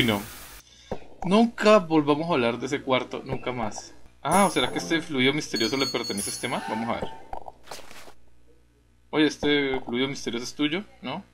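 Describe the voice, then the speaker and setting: A young man hosting a gameplay video, reacting with excited groans and exclamations while reading game text aloud in casual commentary. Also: medium pitch. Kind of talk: casual let's-play commentary.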